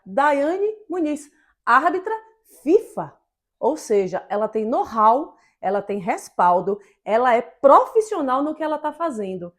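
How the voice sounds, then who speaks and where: A woman co-hosts an opinion talk show with a fairly high voice. She argues emphatically and with indignation, stacking up rhetorical questions to drive her points home. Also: sing-song, unhurried. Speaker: podcast co-host.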